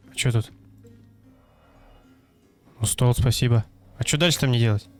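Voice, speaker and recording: This is a young man streaming a detective game, mumbling, making wisecracks and reasoning out loud in casual let's-play commentary. His voice is medium in pitch and moves at a moderate pace, with faint music behind it.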